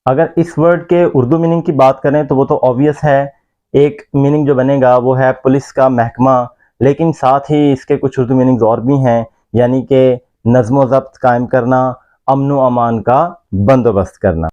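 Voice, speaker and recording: A man's voice: medium pitch, fairly even intonation, normal speed, mellow, highs cut off. A man teaching English pronunciation in a YouTube lesson, speaking carefully and over-articulating the English examples.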